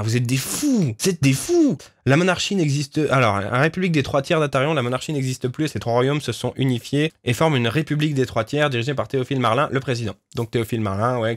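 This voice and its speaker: Male creator, casual stream, animated and profane, middle pitch, dry close sound. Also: no echo. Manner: animated, swears often, exclaims loudly in disbelief; explanatory, with many filler hesitations. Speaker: creator of a fantasy universe reacting to fan theories. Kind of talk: casual livestream reading and commentary.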